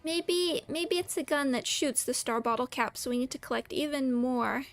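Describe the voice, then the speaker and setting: A woman's voice: sits high, normal speed. A woman giving casual let's play commentary, musing aloud in short fragments as she plays a video game. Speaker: gamer commenting on her own playthrough.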